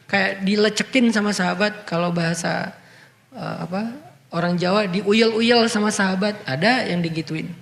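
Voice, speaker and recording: Guy preaching a sermon, slow arabic quotes then chatty explaining, big echoey hall. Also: sits high, gravelly. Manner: animated, quotes Arabic hadith then explains in casual speech. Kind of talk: Islamic sermon.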